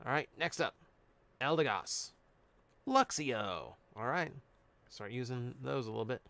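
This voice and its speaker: A man's voice: medium pitch, lively intonation, unhurried, vocal fry, fairly bright tone. A man chatting casually on a live stream, reading out cards and answering chat. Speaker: streamer opening card packs.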